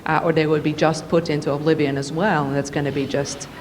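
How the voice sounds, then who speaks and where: A woman's voice: low-pitched, level tone, quick pace. A woman asking a long, earnest question from a conference audience. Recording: reverberant hall, faint noise.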